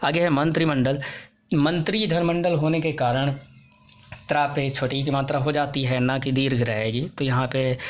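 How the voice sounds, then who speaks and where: A male teacher from India going through correct and incorrect Hindi spellings for exam students, slowing down to stress each correct form. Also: mid-range voice, steady tone, highs cut off.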